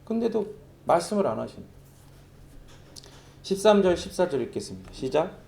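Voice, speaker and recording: A man's voice: fairly high pitch, sing-song, moderate pace, creaky, a little mellow. A middle-aged man preaching a sermon as pastor, talking in a conversational, storytelling way. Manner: conversational, storytelling with vivid sound imitations.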